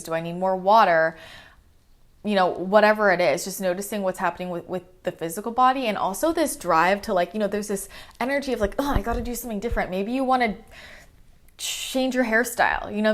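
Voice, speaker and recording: A woman chatting casually through a monthly spiritual energy reading, upbeat and loose, full of "like" and "right?". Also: medium pitch. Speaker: spiritual channel and mentor.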